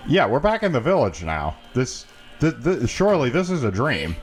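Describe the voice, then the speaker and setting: A man's voice: medium pitch, wildly swooping pitch, normal speed, over music. A man co-hosting a let's play with casual, sardonic commentary and mock confusion.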